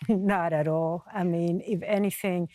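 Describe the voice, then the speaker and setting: Peruvian-born woman, earnest, reflective talk show guest, lower register. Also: fairly even intonation, no echo. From Peru. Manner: earnest, reflective, pausing to find words. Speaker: guest author and mountaineer.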